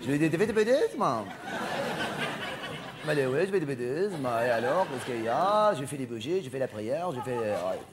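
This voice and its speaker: A man's voice: mid-range voice, very animated, brisk, a crowd in the background, noisy background, lightly acted. A man performing a stand-up monologue as a vain, chatty, flamboyant male cabaret performer who snaps at hecklers. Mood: gossipy. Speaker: comedian.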